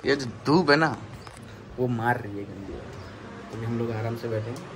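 A man's voice: mid-range voice, normal speed, noisy background. A young man in his twenties, vlogging casually to a phone held at arm's length, chatty and loose, trailing off tired. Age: 20s. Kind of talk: casual vlog chat. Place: in a car, then a gym. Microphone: phone camera at arm's length.

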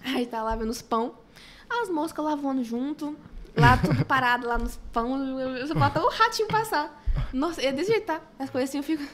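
A young woman with an Acre Brazilian accent, guest on a podcast, telling stories in a giggly, animated way. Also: high-pitched, a little fast. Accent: Acre Brazilian Portuguese. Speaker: podcast guest, food creator. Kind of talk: casual podcast chat. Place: small podcast studio.

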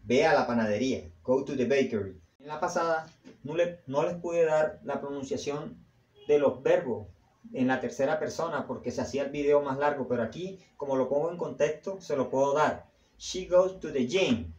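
A man teaching English to Spanish speakers, saying each sentence twice slowly and then translating it. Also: medium pitch, darkish tone. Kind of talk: language lesson. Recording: echoey room.

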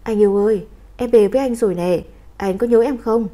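A woman's voice: mid-range voice, moderate pace, warm tone, close to an everyday voice. A woman voicing a clingy, sweet-talking young fiancée in a storybook reading, with a coaxing, whiny way of speaking.

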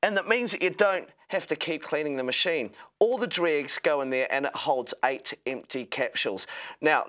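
A man's voice: a little high, fairly bright tone. A man in his thirties presenting as an upbeat home shopping host, explaining a product step by step in sales patter. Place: TV studio kitchen set, indoors.

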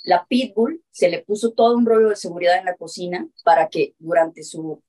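A woman's voice: lowish voice, normal speed, warm tone. A woman, an animal rescuer, telling her story as an interview guest and acting out the voices of the people she quotes.

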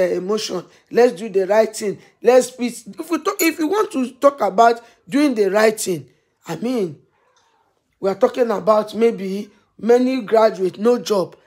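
A woman's voice: a little high, a little mellow. A woman giving impassioned vlog commentary, preachy and scolding, repeating her points again and again. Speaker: vlogger.

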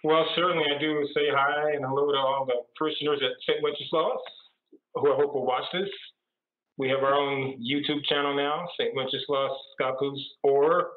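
Casting: priest spinning jokes on a call, slightly high voice, thin phone-like audio. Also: male voice, fairly even intonation, normal speed, a little hiss or hum. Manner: chatty storyteller. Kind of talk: telling jokes on a video call. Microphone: computer mic on a video call. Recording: tinny echoey video-call audio.

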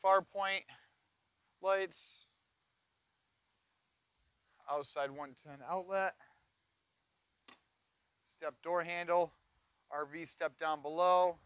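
Recorded on a lapel mic with a dry, clean sound, this man in his forties reviews a camping trailer, enthusiastically pointing out features as he walks in and around a cargo trailer on an outdoor lot. He speaks in a high, steady, slightly bright voice, drawing out his words and pausing often.

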